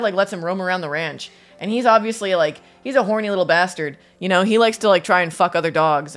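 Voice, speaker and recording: Recording at home with her dogs present, a podcast co-host tells a heavily profane story in casual chat, laughing frequently. She has a fairly low-pitched, fairly bright voice.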